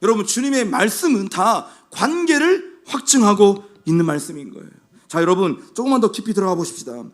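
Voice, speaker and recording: High-pitched emphatic male pastor preaching. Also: big pitch swings, brisk. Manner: emphatic preaching with rhetorical questions and repetition. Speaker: senior pastor. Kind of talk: sermon. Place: church sanctuary.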